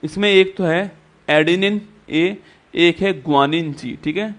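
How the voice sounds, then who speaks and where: A man's voice: a little high, slow, a bit bright. A male teacher giving an exam-prep lecture who keeps repeating points and quizzing students with rhetorical questions.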